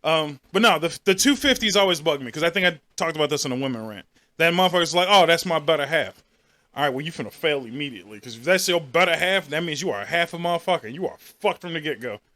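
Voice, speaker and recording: A man's voice: a little high, lively intonation, fast talker, sharp tone. A man co-hosting a podcast, ranting with strong opinions and plenty of swearing. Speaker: podcast co-host. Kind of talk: casual chat.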